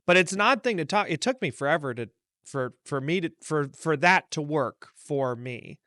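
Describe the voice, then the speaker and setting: A man's voice: a little high, animated, normal speed, bright, forceful tone, dry recording, studio quality. A man born in Turkey, hosting a podcast and asking loose, rambling questions. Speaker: podcast host. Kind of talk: casual interview conversation.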